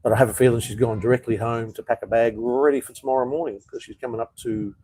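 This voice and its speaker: A man's voice: medium pitch, fairly even intonation, fast, warm tone, breathy edge, dry recording, low-quality recording. An Australian man hosting a casual live chat, reading viewer comments and answering bluntly, swearing often and calling people "mate".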